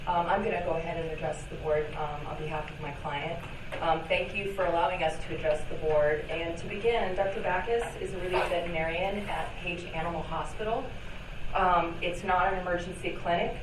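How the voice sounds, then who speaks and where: Low-voiced woman attorney, hearing-room recording. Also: steady tone. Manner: hesitant, frequent filler pauses. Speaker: attorney addressing a licensing board. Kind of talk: formal statement at a public hearing. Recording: echoey hearing room, distant mic, noisy.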